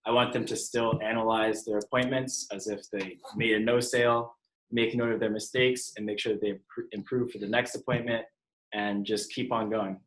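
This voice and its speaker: A man's voice: fairly low pitch, steady tone, moderate pace, a bit bright, roomy sound, rough recording. A man in a sales training, earnestly sharing his goals with many hesitations. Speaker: sales team member in a training. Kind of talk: casual group discussion.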